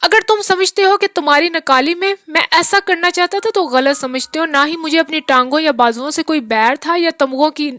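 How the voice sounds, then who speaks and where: A woman's voice: sits high, normal speed, hardly any pauses, fairly bright tone, dry recording. A woman reading the part of a weary, peasant-born man who rambles through a long, rueful account of his hard years. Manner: long rambling confessional talk.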